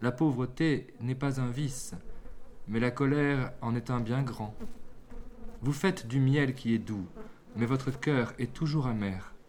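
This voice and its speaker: A man voicing a calm, cool-headed fly answering back in a fable reading. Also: mid-range voice, lightly acted. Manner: cool, measured.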